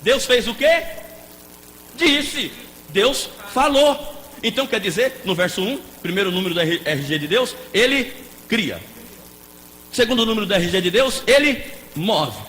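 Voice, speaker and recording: A man preaching a lively sermon as a pastor, playful and joking with the congregation. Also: sits high, measured pace, pauses often. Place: church hall. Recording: echoey hall with faint noise.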